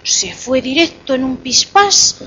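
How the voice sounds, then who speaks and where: A woman telling a fairy tale to a small child, slowly and playfully, pausing so the child can finish the lines. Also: sits high, highs cut off, heavy background noise. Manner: slow and animated, coaxing the child to finish lines. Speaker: storyteller to a child.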